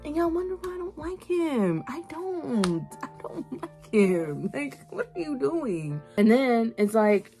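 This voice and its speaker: Over background music, a young woman on YouTube reviews an animated series in a chatty, slangy way, repeating phrases for emphasis. Her voice is high, her pace a little slow, and she barely pauses.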